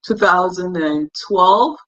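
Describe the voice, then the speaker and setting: Speaking slowly in a fairly low but fairly bright voice, a young adult Cameroonian woman chats as a guest in a relaxed interview. She laughs readily and jokes at her own expense, and the sound is lo-fi.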